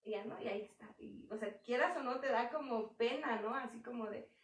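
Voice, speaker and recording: Young woman preaching in church, high voice, kinda far from the mic, echoey room. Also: fairly quick. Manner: conversational preaching with acted quotes. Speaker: church speaker. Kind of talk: sermon. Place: church hall.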